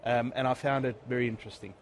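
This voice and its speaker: A man giving measured, reflective interview answers as a business guest, building his points in short lists. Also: medium pitch, steady tone. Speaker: interview guest, networking sales leader. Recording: faint background noise.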